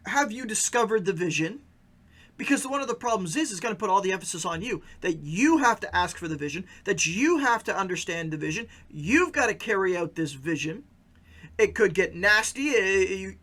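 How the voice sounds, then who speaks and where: Earnest bright-voiced male pastor podcaster. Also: high-pitched. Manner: earnest and emphatic, with frequent stammered restarts. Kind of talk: preaching-style podcast commentary.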